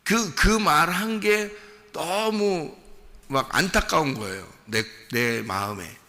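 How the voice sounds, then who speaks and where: A male pastor preaching a sermon, swinging between near-shouting and hushed, intimate storytelling. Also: fairly high pitch, expressive, slow. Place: church sanctuary. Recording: long reverb of a large hall.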